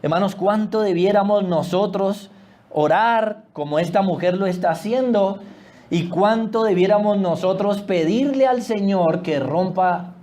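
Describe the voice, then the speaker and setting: A man preaching a sermon as pastor, swinging between loud exclamations and hushed low asides. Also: a little slow.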